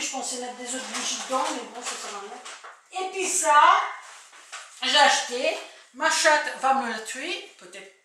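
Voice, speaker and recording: A woman's voice: a little high, sharp tone. Chatty Picard woman in an echoey room. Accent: Picard French. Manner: chatty, rambling, restarts sentences often. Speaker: vlogger. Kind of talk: casual shopping-haul chat. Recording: echoey room, distant mic, faint noise.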